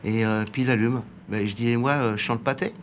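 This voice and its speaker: A man in his sixties, a former bookseller appearing as a radio interview guest, tells an anecdote in a lively way, acting out the quoted dialogue. His voice is mid-range and quick, with a noisy background.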